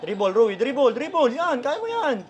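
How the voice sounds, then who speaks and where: A man's voice: very high-pitched, big pitch swings, normal speed, dull audio. A man reacting live to a basketball game as a fan, calling out players, swearing and laughing at the plays.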